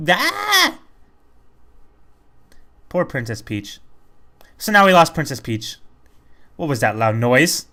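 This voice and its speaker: A man's voice: medium pitch, expressive, measured pace, pauses often, fairly bright tone. A man giving casual, rambling commentary over a video game playthrough, chatty and self-critical. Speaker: let's play commentator.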